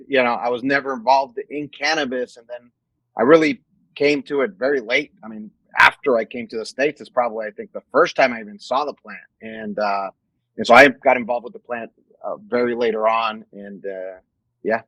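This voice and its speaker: Male guest from Mexico, about forty, mid voice, deliberate answers, dry recording. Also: mid-range voice, fairly even intonation, fairly bright tone, no echo, poor audio. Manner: measured, restarts phrases while thinking. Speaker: guest, company executive. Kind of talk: casual interview.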